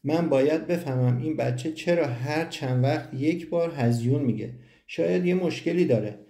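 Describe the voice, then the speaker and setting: A man's voice: on the high side, mellow, natural voice. A man voicing an angry, worried mother in an audiobook. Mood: upset. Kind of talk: audiobook reading. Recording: roomy echo.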